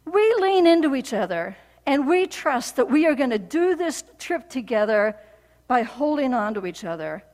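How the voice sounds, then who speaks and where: Brief: woman pastor, high voice, chatty storytelling sermon, long hall reverb. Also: normal speed. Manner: storytelling, animated and conversational, with frequent fillers.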